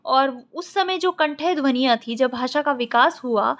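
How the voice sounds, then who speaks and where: Woman, high voice, exam-prep lecturer, step-by-step explanations. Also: normal speed, a bit bright. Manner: explains step by step, repeats key points. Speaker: Sanskrit teacher.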